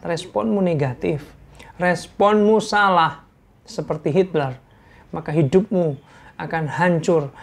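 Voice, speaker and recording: With a fairly high, slightly mellow voice, a man speaks in an informal sermon style, returning to points for emphasis. He questions the audience earnestly and now and then clears an irritated throat.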